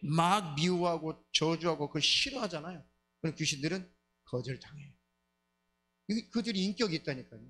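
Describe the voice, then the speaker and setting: High-voiced emphatic male pastor. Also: animated, brisk, a bit bright, soft background music. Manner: emphatic and repetitive, acts out dialogue. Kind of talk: sermon.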